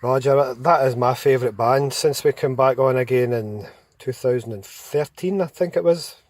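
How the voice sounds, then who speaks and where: A Scottish man with a soft-edged, mellow voice of middling pitch chats over CB radio. He rambles through his anecdotes with plain enthusiasm. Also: moderate pace, no echo.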